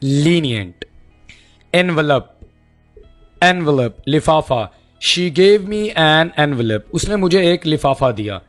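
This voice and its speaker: Man drilling English words slowly. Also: fairly high pitch, animated, fairly bright tone, faint music behind. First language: Urdu. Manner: repeats each English word slowly, then explains it quickly. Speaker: English teacher. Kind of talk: vocabulary lesson, Urdu explanations.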